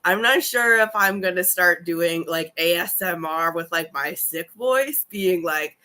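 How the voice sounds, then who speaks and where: Hoarse, raspy woman chatting casually. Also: on the low side, a little slow, pushed and bright. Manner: chatty and profane, many fillers. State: hoarse from a cold. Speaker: live streamer. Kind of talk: casual live-stream chat.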